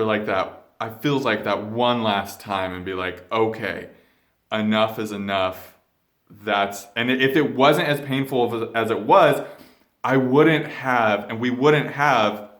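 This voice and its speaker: A man giving a reflective spiritual vlog monologue, speaking earnestly and haltingly, often repeating phrases as he goes. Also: fairly low pitch, a bit bright. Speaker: spiritual video coach. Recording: roomy echo.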